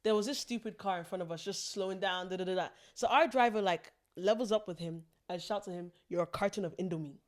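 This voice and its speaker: A young woman, co-hosting a podcast and telling stories in relaxed, slangy chat. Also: mid-range voice, fast talker, hardly any pauses. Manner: laid-back storyteller, slangy and laughing. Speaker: podcast co-host. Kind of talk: casual chat.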